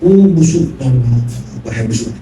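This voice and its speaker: A man preaching a sermon, telling stories animatedly and acting out dialogue with big swings in pitch. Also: expressive, measured pace, creaky. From Malaysia. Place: prayer hall. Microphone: phone recording from the audience. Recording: echoey hall from far off with room noise.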